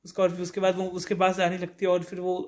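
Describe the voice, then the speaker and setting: A man's voice: high voice, monotone, quick pace, a little mellow. A young man casually retelling an anime episode, rambling and quoting the characters' lines as he goes. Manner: rambling, retells dialogue in quotes. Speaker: anime recap narrator. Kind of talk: casual spoken anime recap.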